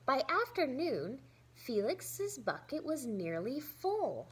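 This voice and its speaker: A woman's voice: high voice, very animated, slow pace, slight background noise. A woman teacher reading a children's story aloud expressively, with simple asides explaining it to young listeners.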